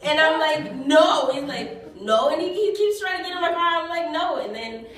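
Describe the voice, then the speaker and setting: A woman's voice: very high voice, fairly quick. Woman doing stand-up in an echoey club. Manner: deadpan storytelling, laughing at her own jokes. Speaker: stand-up comedian. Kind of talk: stand-up comedy set. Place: comedy club stage. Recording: echoey club recorded from far off. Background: audience laughter and noise.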